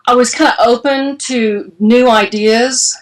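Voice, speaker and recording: A woman in her forties, a franchise owner, telling her story in a casual interview in an animated, chatty way and laughing often. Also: a little high, a little slow, rough recording. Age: 40s.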